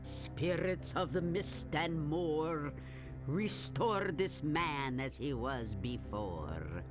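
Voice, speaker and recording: A woman's voice: low voice, expressive, heavily acted. Theatrical, wildly swooping old witch. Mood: incanting. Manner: theatrical, drawn-out, mock-sweet cackling delivery. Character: gleeful menacing old witch Baba Yaga, man-eating. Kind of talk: fantasy game voice acting. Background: game music.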